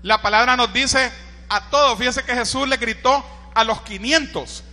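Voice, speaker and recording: A pastor with a Honduran accent preaches an animated sermon, shouting out quoted cries and often turning to the listeners with rhetorical questions. His voice is very high and moves at a moderate pace, trailed by a long reverb.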